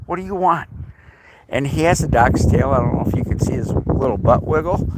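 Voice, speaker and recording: A man's voice: mid-range voice, brisk, very noisy. A man chatting casually on a livestream outdoors in the snow at his rural home, talking to viewers and his dogs. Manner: chatty, talks to his dogs in a raised playful voice. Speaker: livestreamer and dog owner.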